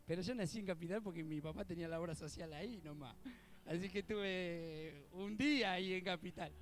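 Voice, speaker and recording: A middle-aged man from Argentina with an Argentine accent, preaching a sermon in a conversational way. He asks "¿sí?" often, calls listeners "hermano", and swells loud when he quotes scripture. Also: sits high, fairly quick. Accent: Argentine Spanish (Buenos Aires area). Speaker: co-pastor. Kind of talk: sermon with personal anecdotes.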